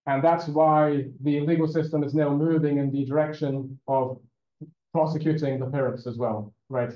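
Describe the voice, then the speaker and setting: A man's voice: on the high side, steady tone, moderate pace. A male university lecturer giving a classroom lecture in a conversational way, often checking in with "okay?" and fillers. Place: lecture room. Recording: roomy, dull lecture-room recording.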